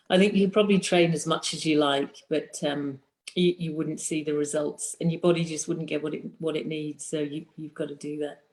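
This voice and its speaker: An earnest participant speaks at a middling pitch in a casual group conversation. Points get repeated for emphasis. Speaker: program participant.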